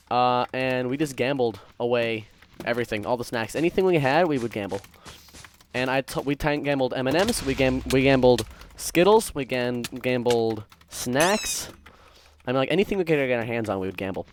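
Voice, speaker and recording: Faint typing and mouse clicks accompany a young man speaking at a moderate pace with an expressive, medium-pitched voice. As a gaming content creator, he tells casual stories mid-game, wandering off topic and interrupting himself absent-mindedly.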